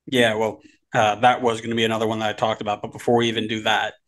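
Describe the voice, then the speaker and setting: A man co-hosting a casual soccer podcast, telling stories in an animated way, his pitch climbing as he gets excited. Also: fast talker. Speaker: podcast co-host.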